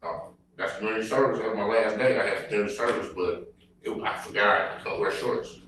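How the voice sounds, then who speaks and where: A man answers as a defendant in a courtroom, in short informal phrases. His voice is fairly low. He sounds distant in a very echoey, noisy room. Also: steady tone, a little fast, fairly bright tone.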